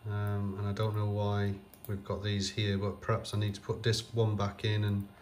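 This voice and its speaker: A man's voice: lowish voice, completely flat delivery, moderate pace, darkish tone, a little hiss or hum. A man talking off camera while he works on an old computer, hesitant and full of fillers. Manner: hesitant, many fillers, thinking aloud. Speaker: computer restoration vlogger. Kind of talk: casual off-camera commentary.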